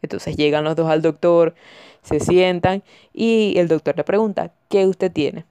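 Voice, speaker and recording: A woman's voice: lowish voice, a little slow, mellow, clean tone, no echo. Chatty young Venezuelan woman. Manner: chatty, repeats words for emphasis. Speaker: podcast host. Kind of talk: casual storytelling monologue.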